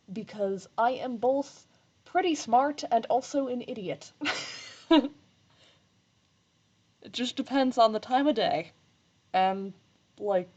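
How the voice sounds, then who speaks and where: A woman streaming live while she sews, chatting casually in a rambling, self-deprecating way, with slight vocal fry when she talks low. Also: a little mellow, dull audio. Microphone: desk microphone.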